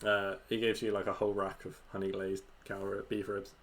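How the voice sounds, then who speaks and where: A man's voice: on the low side, monotone, fairly quick, a bit bright, a little hiss or hum. A man narrating as game master of a tabletop game, stammering and repeating words as he goes.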